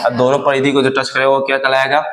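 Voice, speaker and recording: A man's voice: mid-range voice, monotone, fast, fairly bright tone. A male math teacher teaching a class, asking questions again and again and answering them himself. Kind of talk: classroom lesson. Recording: echoey classroom.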